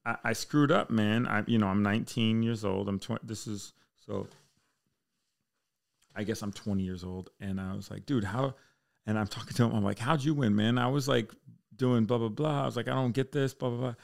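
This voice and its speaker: On a laid-back podcast, a male fire chief in his thirties spins long, wandering stories with casual profanity. His fairly low voice stays steady at a normal speed, with a touch of vocal fry.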